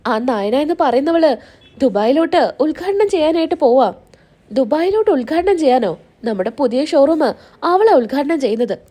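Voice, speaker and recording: A woman's voice: high-pitched, lively intonation, moderate pace, mellow. A woman voicing a jealous, scheming young woman who mocks her rival and complains about her place in the family. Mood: self-pitying. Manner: mocking, complaining.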